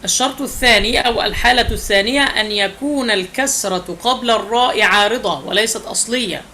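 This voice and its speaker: Bright-voiced tajwid teacher, a man. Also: sits high, slight background noise, low-quality recording. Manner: explains rules step by step, slows to recite examples. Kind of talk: Quranic recitation lesson.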